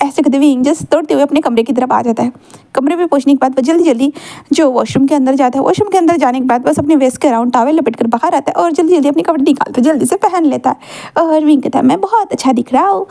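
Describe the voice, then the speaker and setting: A woman's voice: high voice, fast, warm tone. A woman casually narrating a fan-fiction story, chatty, often checking in with her listeners.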